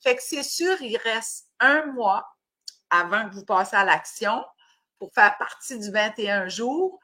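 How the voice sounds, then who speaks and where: A woman's voice: fairly high pitch, animated, measured pace, sharp tone, slightly rough. A woman with an Acadian French accent hosting a casual fitness live stream, upbeat and cheering, slipping English words into her talk. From New Brunswick, Canada.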